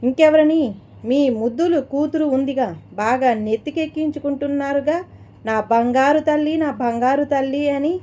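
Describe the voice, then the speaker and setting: In this audio storybook, a proud, furious middle-aged mother shouts down her daughter, as a woman narrator puts her on. The voice is high and mellow, and the scolding comes hard and fast. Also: natural voice. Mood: angry scolding.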